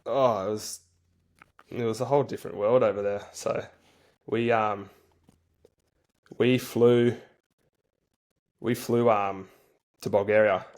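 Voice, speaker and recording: In a casual interview, a national rugby league player spins laid-back, slang-heavy stories. His low, slightly mellow voice stays fairly even, and he takes it slowly with frequent pauses.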